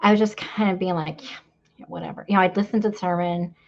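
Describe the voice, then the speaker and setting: Speaking quickly in a fairly low voice with fairly even intonation, a woman podcast guest shares her faith testimony in a candid, rambling conversation full of fillers and laughter. The audio is dull, with slight background noise.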